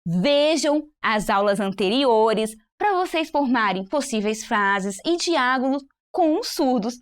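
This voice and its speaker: A woman's voice: fairly high pitch, lively intonation, takes it slowly. A Brazilian woman teaching sign language phrases in a church program, modeling phrases with exaggerated intonation. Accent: Brazilian Portuguese.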